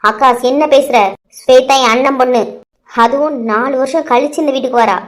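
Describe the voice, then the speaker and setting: A woman voicing a stern, domineering middle-aged mother in a cartoon, with a sharp, scolding way of talking. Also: sits high, fairly even intonation, normal speed, lightly acted. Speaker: mother of the hero. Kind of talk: cartoon voice acting.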